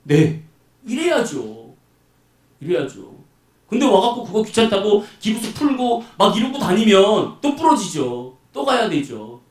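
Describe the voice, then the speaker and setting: A man preaching a sermon as pastor, in a lively, chatty way that acts out little scenes. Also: sits high, normal speed, hardly any pauses. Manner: animated, colloquial preaching with acted-out voices. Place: church hall. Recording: echoey hall, mic from far off.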